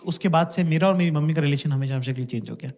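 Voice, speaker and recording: A man's voice: fairly high pitch, very fast. A man in his thirties performing a stand-up comedy set, telling stories about his parents and acting out their voices. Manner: storytelling, acts out parents' voices. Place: stage before a laughing audience. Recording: live stage mic, loud crowd and noise.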